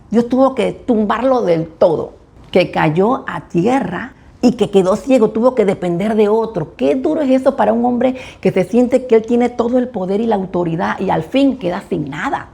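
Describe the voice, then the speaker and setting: A woman's voice: medium pitch, vocal fry, dark tone, husky. A woman preaching a sermon, telling a story from scripture and urging her listeners on, with strong emphasis that rises and falls sharply on her key phrases.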